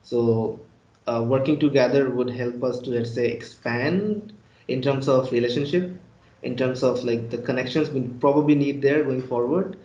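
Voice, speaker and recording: A man's voice: medium pitch, steady tone, moderate pace, dark tone. Bangladeshi man, roomy muffled sound. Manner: explains with frequent restarts and "right?" tags. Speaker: startup founder and CEO. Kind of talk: conversational interview answers.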